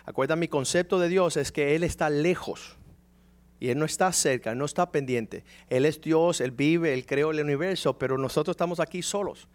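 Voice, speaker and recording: A man in his forties preaches his testimony from the pulpit, telling it as a story. His voice sits fairly high, and he slips into other voices to act out each scene. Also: moderate pace. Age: 40s. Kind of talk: sermon testimony.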